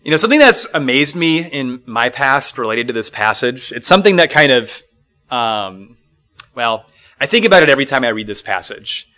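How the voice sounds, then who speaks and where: Middle-aged guy from minnesota teaching a bible class, bright forceful voice, earnest, lots of ums and restarts. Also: mid-range voice, very animated, moderate pace. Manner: earnest, reflective, with frequent fillers and restarts. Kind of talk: Bible lesson.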